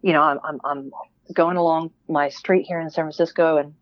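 Low-voiced reflective woman, dull lo-fi sound. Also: steady tone, moderate pace, no echo. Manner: reflective, many restarts and fillers. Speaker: podcast guest. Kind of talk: casual interview chat.

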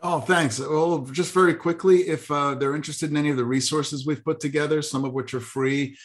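A man's voice: a little high, steady tone, fairly quick. A man with a Jamaican accent, speaking as a podcast guest and author, earnest and given to repeating words for emphasis. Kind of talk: podcast interview.

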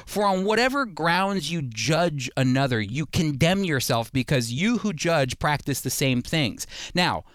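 A man with a somewhat high voice hosts a radio Bible program, preaching in an earnest, conversational way and repeating phrases for emphasis. He reads scripture into a close studio mic, and there's no echo.

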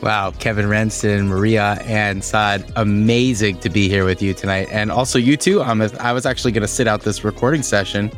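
A man co-hosting a medical podcast, chatting enthusiastically. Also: on the low side. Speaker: podcast co-host. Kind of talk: casual chat.

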